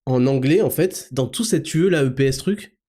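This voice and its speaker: A man hosting a podcast, telling a personal story in a rambling, colloquial, animated way. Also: medium pitch, normal speed. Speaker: podcast host. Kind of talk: casual storytelling to listeners.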